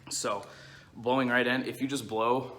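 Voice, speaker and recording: Casual, bright-voiced man giving a lesson. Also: mid-range voice, little pitch movement, normal speed. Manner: informal, explanatory, frequent check-ins like "okay" and "all right". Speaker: duck-calling instructor. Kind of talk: casual hands-on tutorial.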